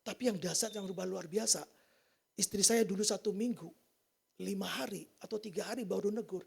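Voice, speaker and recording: A man giving an informal sermon testimony to a church congregation, talking in a colloquial, animated way and asking the listeners many rhetorical questions. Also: high voice, brisk, vocal fry, husky. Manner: colloquial, slangy delivery. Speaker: church preacher.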